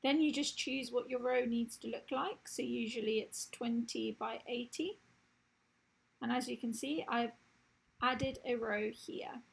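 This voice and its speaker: Woman walking through a website tutorial, voice going hoarse and raspy. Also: a little high, unhurried, poor audio. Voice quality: husky, gravelly. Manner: plain step-by-step explaining. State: losing her voice. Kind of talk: screen-recorded tutorial.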